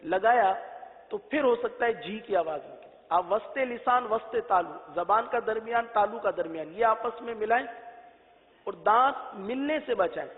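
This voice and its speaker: High male Quran teacher, patient and repetitive, drawn-out letter sounds, echoey hall. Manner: patient, repeats letter sounds slowly and draws them out. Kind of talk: religious lesson. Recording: thin phone-like sound with long hall reverb.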